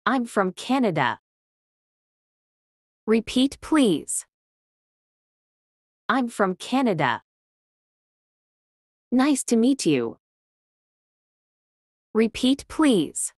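Slow, clear woman's phrase drill. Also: fairly high pitch, big pitch swings, no echo, clean studio sound. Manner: reads each short phrase slowly and clearly, with long pauses. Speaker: English teacher.

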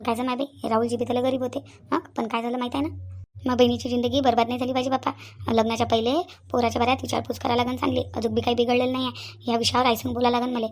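A worried elder sister, voiced by a woman, talks to herself very fast in a high voice with a Vidarbha Marathi accent. She frets and repeats her thoughts. A cartoon role. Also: little pitch movement. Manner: fretful, thinking aloud, repeats herself. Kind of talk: cartoon voice acting.

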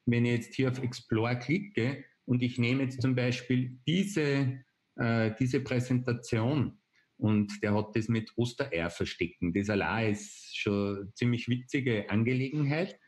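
A man's voice: medium pitch, a little slow, a little mellow. Man presenting in a webinar. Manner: explanatory, frequent hesitation fillers. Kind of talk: online webinar demonstration. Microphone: video call webcam.

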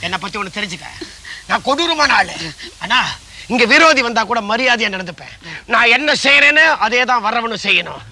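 An actor playing a blustering comic gangster boss in a stage play, bossy and boastful, barking orders and threats. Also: male voice, very high voice, animated, a little fast, sharp tone, exaggerated voice. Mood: menacing.

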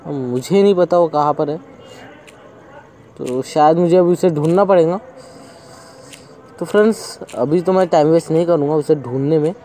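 Playing through a game, a young man hosting a casual let's-play chats and thinks out loud, sometimes leaving long pauses. He speaks at a normal speed in a slightly high, dark-toned voice, with a faint hiss or hum behind him.

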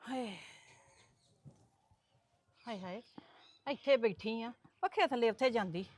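A woman's voice: fairly high pitch, slow, a little mellow, slight background noise. An actress playing a fussing mother who lectures her married daughter in a comedy skit, full of sighing exclamations. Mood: lecturing.

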